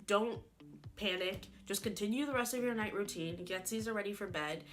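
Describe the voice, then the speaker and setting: A woman's voice: medium pitch, normal speed, a bit bright, soft background music, close to an everyday voice. A woman doing her worried mother. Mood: anxious.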